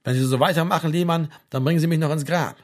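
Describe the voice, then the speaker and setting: A man reading a story aloud, voicing a mocking, gruff middle-aged army sergeant in a raised, sarcastic voice. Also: a little high, steady tone, fast talker, close to an everyday voice. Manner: sarcastic, barking questions.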